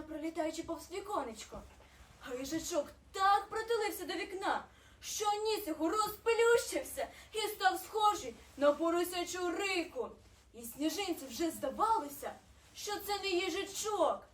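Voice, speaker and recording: A woman reading a fairy tale aloud, narrating in an expressive, gentle storytelling manner. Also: very high-pitched, normal speed, a little hiss or hum. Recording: roomy, distant mic, faint ambience.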